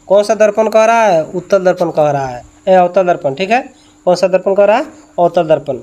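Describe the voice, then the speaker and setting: A man's voice: high voice, darkish tone. A male tuition teacher going through exam questions, repeating each answer and quizzing with rhetorical questions.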